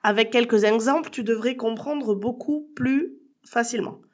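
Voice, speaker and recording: A woman's voice: on the high side, normal speed, highs cut off. A woman teaching a language lesson as a podcast, patiently spelling words out letter by letter and speaking directly to the listener. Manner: addresses the listener as tu. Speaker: Spanish teacher.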